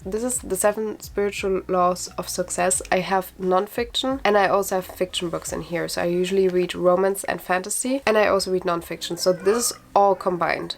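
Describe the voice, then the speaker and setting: A woman chatting casually on her video channel, giving frank opinions with lots of fillers. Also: on the low side. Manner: frequent fillers like "like" and "actually". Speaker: book vlogger. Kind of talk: casual book ranking vlog.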